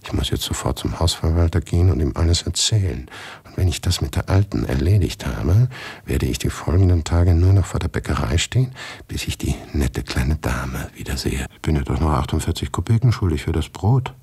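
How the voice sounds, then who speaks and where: A man's voice: rumbling low, lively intonation, fairly quick, a little mellow, breathy edge, dry recording. A man narrating a radio play in the first person, tense and sometimes dropping into whispers.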